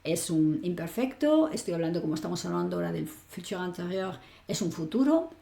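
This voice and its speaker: A woman teaching a French grammar lesson online, with a low, gravelly edge to her voice and a mellow, darkish tone. She explains patiently step by step, checking in often, and the room gives her voice a noticeable echo. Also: animated, a little fast. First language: Spanish.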